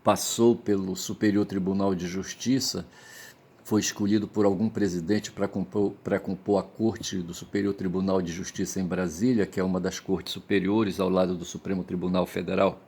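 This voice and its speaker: Hungover man for casual rambling commentary; deep, creaky voice, halting delivery. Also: level tone, darkish tone. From Brazil. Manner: halting, repeatedly checks with tag questions. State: hungover, tired. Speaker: vlogger giving commentary.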